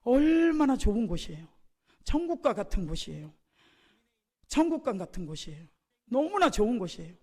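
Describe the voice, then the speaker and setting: A male pastor giving an emphatic sermon, jumping between loud exclamations and low, quiet asides. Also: big pitch swings, moderate pace, pauses often, in a large hall. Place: church sanctuary.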